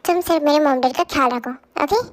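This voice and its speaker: A cold young husband, as a woman puts him on who answers curtly and dismissively. The voice sits a little lower than her other roles but is still high. The sound is dry, in a fan audio drama dub. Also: fast talker, dry recording, lightly acted. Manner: curt and brusque.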